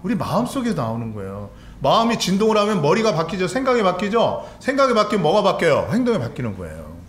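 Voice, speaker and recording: A man's voice: high voice, huge pitch swings, fast talker. Male pastor, sermon, conversational, asks the congregation questions, echoey church hall, faint background hum. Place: church sanctuary.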